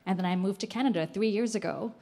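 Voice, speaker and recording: A woman's voice: mid-range voice, fast talker, mellow. A woman from the Philippines with an American accent, sharing enthusiastically in a book discussion. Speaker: book club participant.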